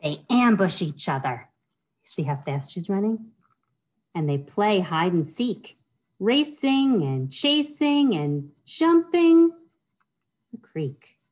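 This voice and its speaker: A middle-aged American children's librarian hosts storytime from a small wood-panelled room, her medium-pitched voice very animated, slow and a little mellow. She reads and chats simply with young listeners, asking them questions, picked up by a webcam or laptop at arm's length.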